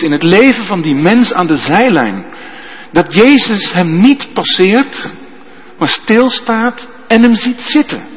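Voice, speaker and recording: A man preaching a sermon as pastor, slow and emphatic, often ending points with a tag question. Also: high-pitched, a bit bright, breathy edge. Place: church. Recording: dull sound with long church reverb.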